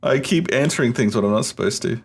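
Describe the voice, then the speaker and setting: A man's voice: mid-range voice, expressive, fast talker, slight background noise. A man chatting casually on a game stream, wry and teasing.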